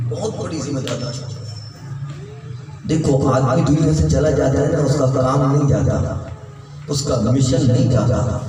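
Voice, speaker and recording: Fervent male preacher in an echoey hall. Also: a little high. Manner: fervent, swings between shouted peaks and sing-song cadences. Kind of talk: impassioned sermon. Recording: echoey distant hall recording with background noise.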